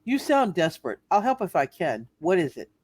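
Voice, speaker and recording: Radio play spinster librarian, female actor: wary, prim, lower register, expressive swings in pitch. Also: brisk, no echo. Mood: wary but helpful. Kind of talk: hammed-up live radio play reading.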